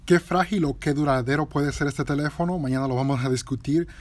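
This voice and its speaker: A man hosting a phone repair channel, chatting informally to his viewers with halting pauses and fillers. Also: fairly high pitch. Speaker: tech repair channel host. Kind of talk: casual chat to viewers.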